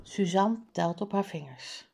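A woman reading a children's reading book aloud slowly and clearly, for learners. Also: lowish voice, a little mellow. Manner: clear, deliberate, over-articulated. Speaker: reader.

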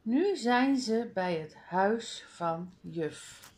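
A woman reading a children's reader aloud, clearly and deliberately, calling out the page numbers. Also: mid-range voice, expressive, a little mellow. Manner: slow, clear, sing-song.

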